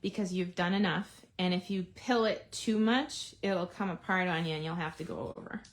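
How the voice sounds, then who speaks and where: A woman's voice: lowish voice, moderate pace. A woman hosting a casual live card-making demo, chatting with viewers and thinking aloud as she colors.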